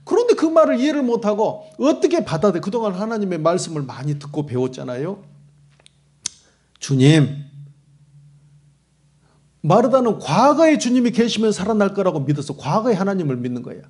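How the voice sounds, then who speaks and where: A man's voice: high-pitched, big pitch swings, a little fast, pauses often, a little mellow. A male pastor delivering a sermon in a church sanctuary, preaching with emphatic, repetitive phrasing and acted-out quotes.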